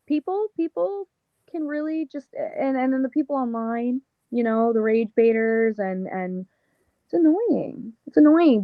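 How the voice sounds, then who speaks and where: A woman's voice: mid-range voice, dry recording, muffled recording. Slangy young woman with a Long Island accent. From Las Vegas, Nevada. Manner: casual, slangy, lots of "like" and "um". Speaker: pro wrestler, interview guest. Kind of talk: casual interview chat.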